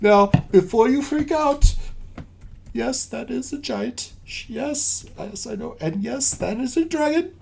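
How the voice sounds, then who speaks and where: A man's voice: very high voice, expressive, slow pace, vocal fry, a little mellow, husky, pitched above the performer's own voice, heavily acted. A man voicing a fussy male ship captain who stammers and pleads, in a live tabletop game. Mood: flustered.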